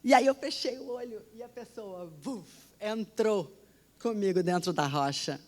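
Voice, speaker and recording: A woman telling a personal testimony in an animated, dramatic way, often dropping to a hushed voice. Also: medium pitch, a little slow. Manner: animated, dramatic storytelling with sudden drops to a hush. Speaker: storyteller.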